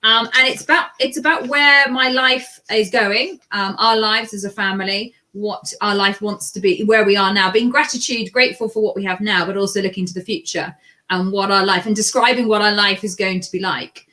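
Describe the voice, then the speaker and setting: A woman's voice: mid-range voice, steady tone, moderate pace, sharp tone. A woman speaking as an interview guest, chatting casually in a reflective, earnest manner. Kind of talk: casual chat.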